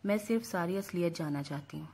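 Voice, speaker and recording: A woman with a husky, low voice reading the lines of a proud, sharp-tongued young wife in a storybook reading, with bitter, cutting retorts. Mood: bitter, defiant.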